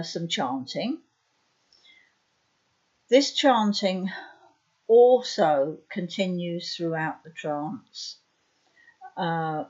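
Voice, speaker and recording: Woman in her 50s, sore throat, low voice, slow hesitant talk, dull lo-fi recording. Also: darkish tone. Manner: slow and hesitant, many ums and uhs. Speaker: trance medium. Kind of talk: explanatory talk to camera. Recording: dull lo-fi sound.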